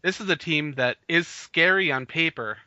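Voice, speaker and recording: A man's voice: fairly high pitch, normal speed, pushed and bright, dry recording. A man co-hosting a casual sports podcast, leading the talk and laughing often. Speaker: podcast co-host. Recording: dull lo-fi podcast audio.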